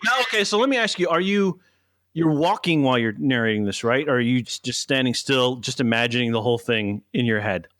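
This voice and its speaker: A man hosting a podcast in casual chat, teasing and quick to laugh. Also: mid-range voice, animated, fairly bright tone, dry recording. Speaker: podcast host.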